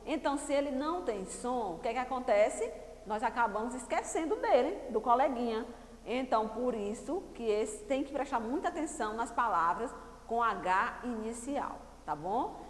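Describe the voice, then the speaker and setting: A woman's voice: on the high side, animated, moderate pace. A woman with a Brazilian Portuguese accent, a primary school teacher giving a recorded lesson for children, patiently repeating key words and quizzing her pupils. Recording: echoey room with long reverb.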